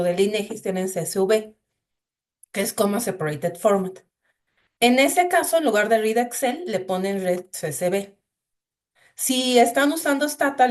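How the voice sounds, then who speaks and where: A woman leads a coding class over a shared screen. Her voice sits a bit high, and she walks students through each step in a patient, explanatory way, leaning on "entonces" as she goes. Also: a little mellow. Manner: explanatory, addresses students directly with frequent "entonces". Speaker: instructor.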